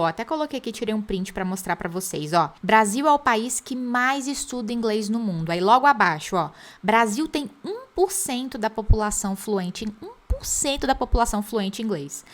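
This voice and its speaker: A woman with a Brazilian Portuguese accent teaching an online class, lively and chatty, with teasing asides to the crew. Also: on the high side, a little fast. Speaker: English teacher and host. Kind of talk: online class, speaking straight to camera.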